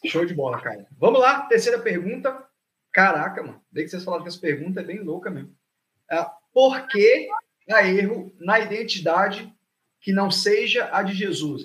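A man's voice: high voice, expressive, brisk, fairly bright tone. A man with a Brazilian accent hosting a casual chat and reading out questions in slangy, informal speech, recorded with a roomy echo.

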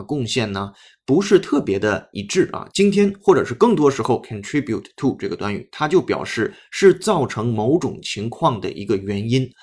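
Male English teacher, mid-pitched, upbeat radio-lesson host who drills phrases. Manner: upbeat, explains with repeated drills. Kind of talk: broadcast-style English lesson. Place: studio broadcast.

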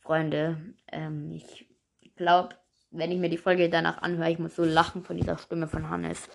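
A woman's voice: sits low, level tone, unhurried, creaky. A woman narrating her homemade audio episode in a rambling, casual way, talking straight to her listeners. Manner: rambling, full of fillers, addresses listeners as friends. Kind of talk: casual chatty narration to viewers.

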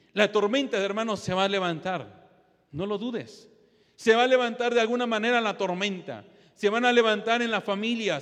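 High-voiced fervent male preacher. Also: a bit bright. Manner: fervent, exhorting, addresses listeners as brother again and again. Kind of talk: sermon. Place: church. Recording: long hall reverb.

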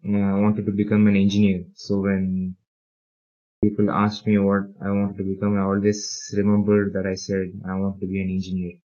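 The same young Emirati podcast co-host chats casually about his life as an interviewee, hesitant and full of fillers. The audio is dull and lo-fi, and his dark, low voice stays monotone at a normal speed.

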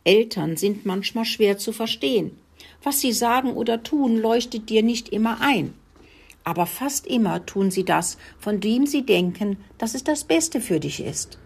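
A woman narrating a children's story, gently speaking directly to the young listener. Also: a little high, animated, unhurried, gravelly, breathy edge.

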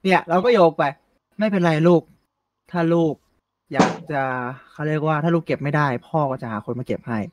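A man's voice: fairly high pitch, lively intonation, brisk, a crowd in the background, natural voice. A man voicing a bumbling old king who keeps laughing and joking with his daughter, in an improvised comedy story podcast. There is faint noise behind him. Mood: joking fatherly. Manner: laughs often, clowns and goes off-script.

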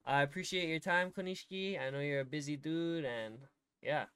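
A male podcast host asking questions in an easygoing, casual way with relaxed slang. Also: on the high side, moderate pace, smooth, no room sound. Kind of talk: casual interview.

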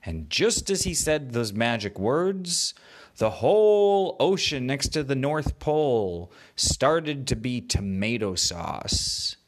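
A man narrating an improvised bedtime story as a children's storyteller, in simple, repetitive phrases for young listeners. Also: medium pitch. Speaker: children's storyteller, podcast host.

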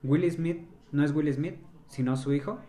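A man in a casual chat, tossing out joking, deadpan quips. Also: on the high side, measured pace.

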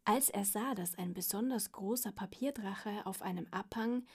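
A woman reading a children's storybook aloud in a slow, soft, expressive way. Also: medium pitch, slightly rough. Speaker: reader.

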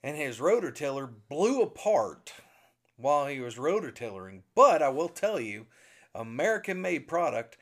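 Animated male pastor telling a funny story. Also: fairly high pitch, normal speed. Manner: animated, laughs through his own story. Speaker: pastor and podcast host. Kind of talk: casual comic storytelling.

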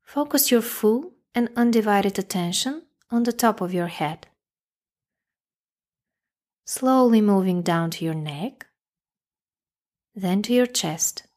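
A woman leads a guided meditation in a mid-pitched voice, calm and measured, with long pauses between short, simple instructions.

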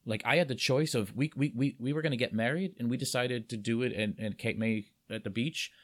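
Halting, stammering male podcast host. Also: medium pitch. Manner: halting, many restarts and fillers. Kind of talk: casual chat.

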